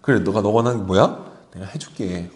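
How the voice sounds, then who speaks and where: A man voicing a calm young prince. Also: fairly low pitch, brisk, voice pushed down, natural voice. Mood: reassuring. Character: young prince, calm trusting loyal friend.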